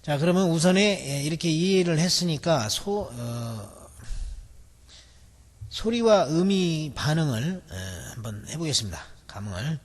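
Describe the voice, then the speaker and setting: A man whose voice is a little high, with lively intonation and a somewhat slow pace, teaches a memory technique in a recorded video lecture. His step-by-step explanation is full of fillers, and the audio carries a long hall reverb.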